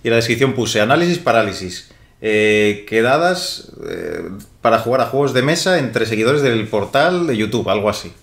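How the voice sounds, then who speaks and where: A young man hosts a board game live stream, chatting casually into a desk microphone on a small studio set while sweating heavily. His medium-pitched voice is sing-song, moderately paced and reverberant, and he often restarts and corrects himself.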